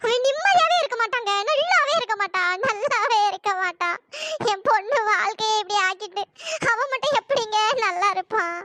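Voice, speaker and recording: A voice actor playing a middle-aged mother in a cartoon story who wails and curses, in a high pitch-shifted voice. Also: animated, a little fast, sharp tone, slight background noise, exaggerated voice. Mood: lamenting. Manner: wailing, cursing.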